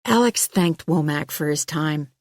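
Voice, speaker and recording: A woman narrating an audiobook in a steady, even reading. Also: low-pitched, unhurried, dry recording, studio quality. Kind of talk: scripted narration.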